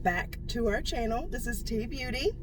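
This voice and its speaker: A woman's voice: a little high, expressive, moderate pace. A woman co-hosting a casual vlog from inside a car, talking in a bubbly, playful way. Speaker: channel co-host. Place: inside a car at drive-thrus. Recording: car noise in the background.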